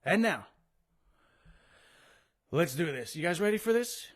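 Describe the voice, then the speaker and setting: A man's voice: high voice, expressive, measured pace, fairly bright tone. Crude, ranting male sports host. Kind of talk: casual live sports rant.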